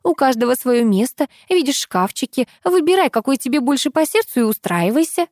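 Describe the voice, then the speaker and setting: A woman voicing a brisk, bossy kindergarten teacher in an audiobook, speaking in a lecturing, matter-of-fact way. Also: sits high, very animated, darkish tone, no echo, clean studio sound, pitched above the performer's own voice. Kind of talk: audiobook character voice.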